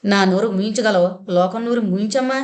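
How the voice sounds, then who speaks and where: A woman's voice: medium pitch, brisk, darkish tone, lightly acted. A scheming young sister-in-law throws back rude, mocking retorts, voiced by a woman reading a novel aloud. She sounds insolent and needling.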